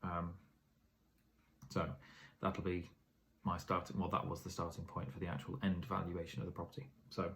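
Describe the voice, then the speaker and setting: A man's voice: low voice, completely flat delivery, normal speed, vocal fry. A tired man giving a casual vlog update on his property investing, rambling with plenty of fillers and self-corrections. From England.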